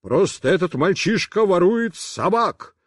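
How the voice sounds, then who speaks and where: A man voicing a burly potbellied grown man who shouts angry accusations, in a storybook reading. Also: high-pitched, lively intonation, measured pace, dry recording, clean studio sound. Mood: angry shouting.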